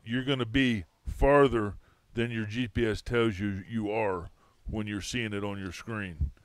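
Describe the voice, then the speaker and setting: A low-pitched man with a blunt way of talking gives practical boating advice and tells a story from an old trip. The sound is dry and close to the mic. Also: fairly even intonation, measured pace, no echo. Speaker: fishing charter captain and co-host. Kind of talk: casual chat.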